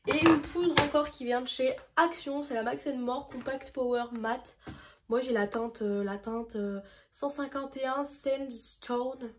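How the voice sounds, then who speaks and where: A woman's voice: high-pitched, a little slow, a little hiss or hum. Chatty young woman doing a makeup tutorial. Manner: chatty, rambling, self-deprecating. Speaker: beauty vlogger. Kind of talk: casual makeup tutorial chat.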